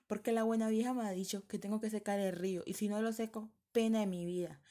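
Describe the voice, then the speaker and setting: A woman's voice: medium pitch, fairly even intonation, fast, mellow, pitched above the performer's own voice, close to an everyday voice. A woman voicing a poor, frightened young girl who pleads in tears, in a read-aloud folktale. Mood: tearful. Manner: pleading, tearful.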